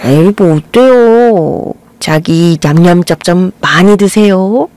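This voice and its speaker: A woman's voice: on the low side, slow pace, a little mellow, no echo. A woman voicing a playful young groom who coaxes and jokes. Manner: playful, coaxing.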